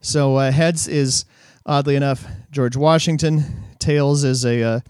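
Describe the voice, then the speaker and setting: Relaxed man co-hosting a sports podcast. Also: medium pitch, measured pace, clear, resonant tone, dry recording, clean studio sound. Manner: relaxed, hesitant fillers, chuckles. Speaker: podcast co-host. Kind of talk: casual sports podcast chat.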